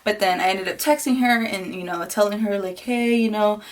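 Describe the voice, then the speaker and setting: A young woman speaks straight to her camera in a loose, rambling vlog style. She is emotional and tearful at times as she tells a personal story. Her voice sits at a middle pitch for a woman. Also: fairly quick. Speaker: vlogger.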